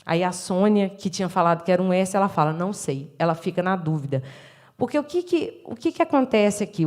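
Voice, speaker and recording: A woman's voice: medium pitch, a little mellow. A middle-aged woman with a Brazilian Portuguese accent, giving a lecture as an education professor, explaining step by step and acting out classroom exchanges with frequent tag questions. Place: lecture room.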